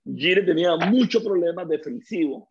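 Once a baseball player, this middle-aged Venezuelan guest talks at normal speed in a slightly high, gravelly, rather husky voice with a Venezuelan Spanish accent. Relaxed in the interview, he spins stories and performs the quoted dialogue of the people in them. Audio quality is dull and lo-fi.

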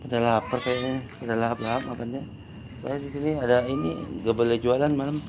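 A man's voice: mid-range voice, level tone, quick pace, background noise. A man feeding stray cats in an outdoor market at night, coaxing them with short repeated calls. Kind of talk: casual talk to animals. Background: cats and passing vehicles.

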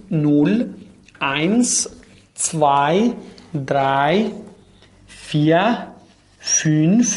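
A man teaching a language lesson, explaining quickly and then slowing down to spell out and repeat each word for his listeners. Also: on the high side, gravelly.

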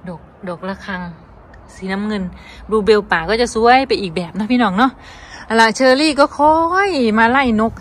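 Showing off a garden outdoors, this Isan-accented woman talks to her vlog audience in a chatty way, addressing them as brothers and sisters. She speaks at normal speed with a medium pitch over faint background noise.

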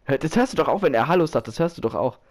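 A man commentating his own match while playing, excitable, often exclaiming and laughing. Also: fairly high pitch, very fast. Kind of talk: casual gaming commentary.

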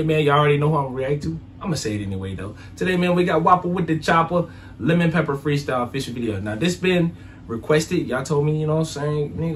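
A man's voice: fairly high pitch, slight background noise. A man in his twenties with an American accent giving casual, slangy, emphatic reaction commentary to the camera. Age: 20s. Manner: animated, slangy, emphatic, peppered with "bro" and "you know what I'm saying". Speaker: reaction video host. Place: small home studio with acoustic foam panels, indoors.

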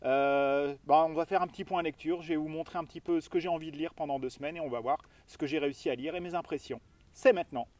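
A man's voice: fairly high pitch, fast, a little mellow, a little hiss or hum. A man chatting casually about books in a vlog, with lots of hesitations and fillers. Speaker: book vlogger. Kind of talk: casual book review vlog. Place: holiday stay in Tuscany.

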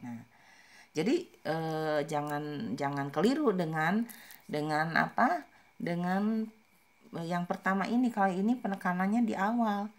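A woman with Indonesian as her first language, teaching English word stress in a relaxed video lesson, speaking slowly and repeating example words with fillers. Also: on the low side, gravelly.

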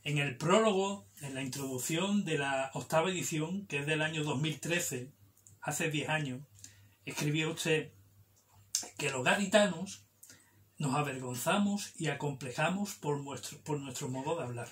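Polite interviewer, off-mic. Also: male voice, on the high side, unhurried, fairly bright tone, far from the mic. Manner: polite, formal address. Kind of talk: interview questions.

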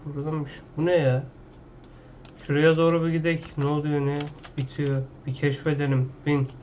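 A man's voice: on the high side, little pitch movement, moderate pace, darkish tone, lo-fi sound, a little hiss or hum. Slangy man narrating his gameplay. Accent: Turkish. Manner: loose, slangy talk to himself and the game. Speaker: gaming YouTuber. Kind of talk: casual gameplay commentary.

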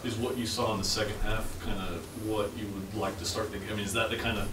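A man's voice: lowish voice, little pitch movement, quick pace. A male reporter asking rambling questions at a press conference. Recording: roomy, distant, noisy press room.

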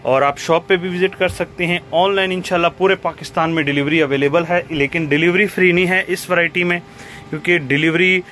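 A man with a Pakistani accent giving an eager teleshopping sales pitch, repeating praise and prices as he presents stock. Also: steady tone, a little fast, a bit bright, a little hiss or hum. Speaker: cloth shop seller presenting stock. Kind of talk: sales pitch for a product video. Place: fabric shop, indoors.

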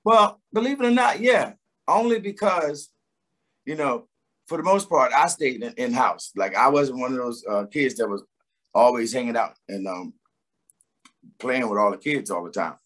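Sitting in a home room with a door at his back, a middle-aged singer from Philadelphia chats casually as an interview guest via his video-call webcam. He has a mid-range male voice at normal speed, and he rambles in a relaxed way, restarting often and using lots of fillers.

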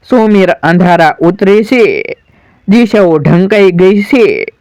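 A solemn, declamatory warrior son pleads with sorrow, as a man storyteller recites him. The voice sits high and moves slowly, smooth and clear. It sounds dry and close, with no room around it. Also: a little mellow, no room sound. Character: grieving proud warrior son, adult man.

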